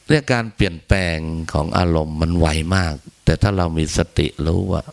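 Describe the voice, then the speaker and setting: Low gravelly man giving a crude, joking Dhamma talk. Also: expressive, brisk. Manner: earthy, crude, joking, acts out quoted people in raised voices. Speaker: Buddhist Dhamma lecturer. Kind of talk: casual humorous Dhamma talk.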